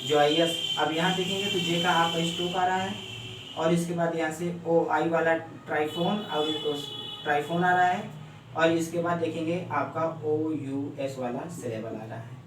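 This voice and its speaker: Guy teaching shorthand, kinda high voice, roomy echo, mic sits far away. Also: fairly even intonation, normal speed, background noise. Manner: explains step by step, keeps checking "clear?". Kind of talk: classroom lecture. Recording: echoey room, mic far off.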